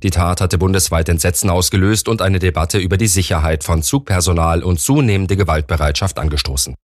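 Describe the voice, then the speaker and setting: A man reading the radio news in a steady, formal studio delivery. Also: low voice, a little fast, no echo. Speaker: newsreader. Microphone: studio microphone.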